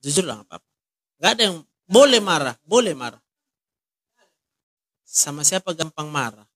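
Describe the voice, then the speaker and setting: High-voiced man counseling with short probing questions. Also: sing-song, normal speed, a bit bright. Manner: direct, asks many short probing questions. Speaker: counselor in a ministry. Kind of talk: one-on-one counseling talk.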